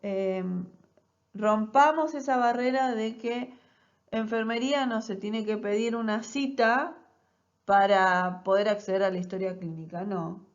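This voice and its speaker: A woman's voice: mid-range voice, a little slow. Woman, nursing lecturer, explanatory, rhetorical check-ins, muffled lo-fi audio. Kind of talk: recorded online class.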